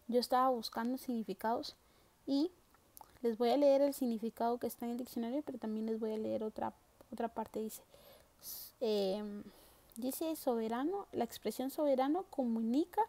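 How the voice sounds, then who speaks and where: A woman with a high, mellow voice teaches a Bible lesson to primary school pupils. She explains slowly and stresses the key words. She often stops to ask the children rhetorical questions. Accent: Central American Spanish.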